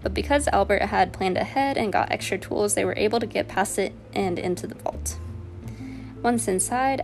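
A young woman narrates a true-crime podcast from a script, her voice carrying a gravelly fry at phrase ends. She steps out of the story now and then to share her own reactions, with faint music underneath. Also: medium pitch. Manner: reads a script with personal asides. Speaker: podcast host.

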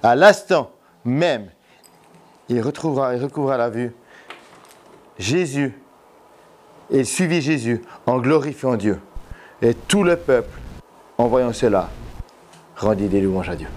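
A male pastor gives a relaxed, conversational sermon. He teases his listeners and drops in quick jokes between points. His pitch sits in an ordinary middle range. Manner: joking, conversational preaching with audience questions. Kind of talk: informal sermon. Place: church gathering held in a café.

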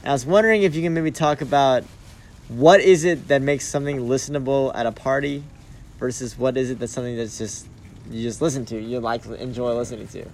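A man's voice: medium pitch, steady tone, a little fast, a little mellow, a little hiss or hum, rough recording. A young man hosting a casual podcast chat, rambling and hedging as he asks his guest questions. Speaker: podcast host.

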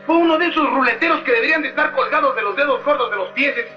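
A man's voice: very high-pitched, quick pace. A cheeky Mexican bread delivery man. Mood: playful. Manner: joking, rambling slangy patter. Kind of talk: 1940s Mexican film comedy dialogue. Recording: muffled old film soundtrack with echo and music.

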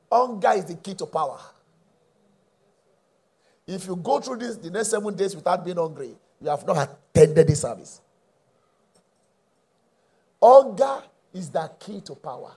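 A middle-aged man preaching a sermon, using call-and-response and bursting into shouts. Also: high voice, expressive, measured pace, creaky, pauses often, slightly rough. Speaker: pastor.

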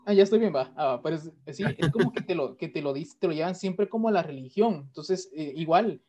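A man's voice: a little high, a little fast, mellow. A man hosting a casual panel chat, rambling along with many fillers and restarts. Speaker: host. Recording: dull lo-fi sound.

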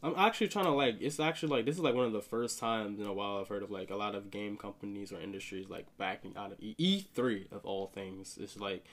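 A man's voice: fairly low pitch, steady tone, fast talker, few pauses, a bit bright. A twenty-year-old man co-hosting a podcast in casual chat, rambling in run-on sentences full of "like". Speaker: podcast co-host.

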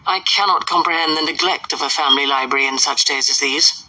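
A woman voicing a proud, reserved wealthy gentleman in a storybook, terse and formal. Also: sits low, quick pace, husky, distant mic, pitched below the performer's own voice, heavily acted, rough recording. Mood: cool, reserved.

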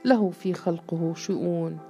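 A woman voicing a patient older sheikh who calmly counsels endurance. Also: on the high side, moderate pace, gravelly, soft background music.

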